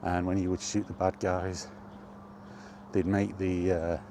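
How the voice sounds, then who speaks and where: This middle-aged gaming vlogger speaks in a low, mellow voice with flat delivery and a measured pace. He rambles casually through retro gaming memories in his personal vlog, with slight background noise behind him.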